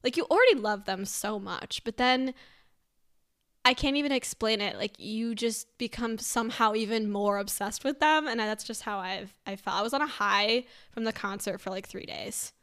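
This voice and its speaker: A young woman with a slightly high voice co-hosts a casual podcast chat. She is excitable, laughs in quick bursts, and keeps replaying what others said. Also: clean tone. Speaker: podcast co-host.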